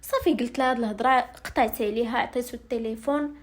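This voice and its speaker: A young woman with a Moroccan accent tells viewers her own story. She speaks quickly, in a rather high voice, recounting everything in an aggrieved first-person way. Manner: rapid, aggrieved first-person retelling with acted quotes.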